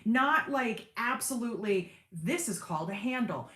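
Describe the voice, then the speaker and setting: This sewing livestream host rambles cheerfully through viewers' comments, sprinkling in fillers and self-deprecating humor. Her deep speaking voice is animated and a bit bright, moving at a moderate pace, with noticeable echo from what sounds like a home studio.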